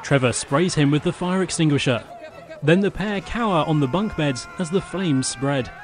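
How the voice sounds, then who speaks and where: A man's voice: on the high side, expressive, normal speed, heavy background noise. A man giving scripted, matter-of-fact audio description of action in the present tense.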